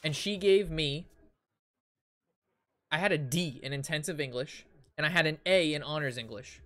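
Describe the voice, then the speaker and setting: Mid-card-game, a young streamer rants casual stories to his chat, cursing freely and repeating phrases out of exasperation. His voice is a little high and fairly bright, at a normal speed.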